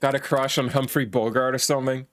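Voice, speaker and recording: A man's voice: mid-range voice, steady tone, fast, a bit bright. A man streaming a story game, talking along to the scenes with a wry, dry humor. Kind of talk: casual game commentary and read-along.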